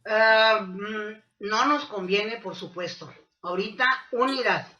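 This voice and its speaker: A woman's voice: mid-range voice, slow pace, bright, forceful tone, lo-fi sound. A woman, a panelist speaking hesitantly with many fillers. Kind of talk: panel discussion.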